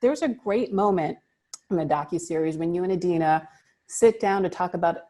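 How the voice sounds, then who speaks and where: A woman's voice: on the low side, fairly quick, mellow. A woman moderating a press panel, teasing the guests and laughing often as she asks her questions.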